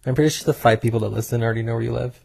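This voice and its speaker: A man's voice: medium pitch, racing, gravelly, a little mellow, slightly rough. A young man co-hosting a casual podcast, teasing his co-host in a playfully preachy way. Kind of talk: casual chat.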